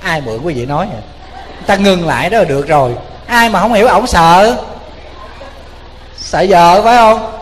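A Buddhist monk with a Southern Vietnamese accent preaches in a lively, joking storytelling way, turning often to his listeners. His voice sits fairly high for a man. The sound rings with a long hall reverb over a faint hiss. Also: a little fast. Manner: lively, joking, addresses the audience directly. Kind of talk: storytelling sermon. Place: temple hall.

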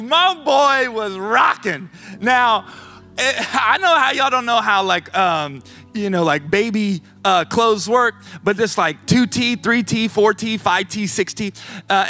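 High bright-voiced man preaching casually. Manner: animated, chatty, full of fillers and asides. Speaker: youth pastor. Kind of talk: casual storytelling sermon. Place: youth service.

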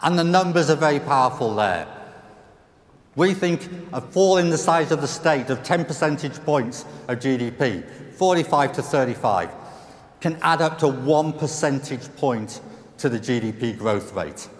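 A man's voice: mid-range voice, animated, normal speed. A middle-aged man from the UK giving an emphatic conference keynote as an economist, using rhetorical questions and repeated punchlines, on a large stage with a headset mic. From United Kingdom. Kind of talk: conference speech. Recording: roomy hall reverb.

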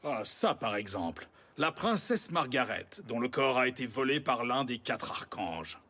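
Proud, courtly cartoon strongman, mid-pitched and lively, pompously polite and vain. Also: moderate pace. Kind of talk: French anime dub.

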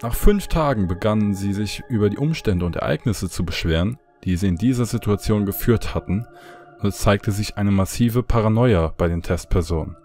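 A man narrating a horror story in a calm, measured way. His voice is low and dark in tone, and soft music runs quietly beneath him.

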